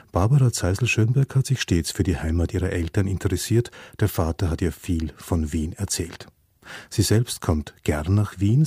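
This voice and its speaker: Deep, husky male narrator. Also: mellow, no room sound, studio quality. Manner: measured, formal. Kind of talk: scripted radio narration.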